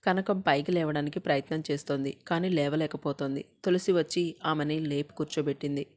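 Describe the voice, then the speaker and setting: A woman narrating a moral family story in a steady, measured reading. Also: sits low.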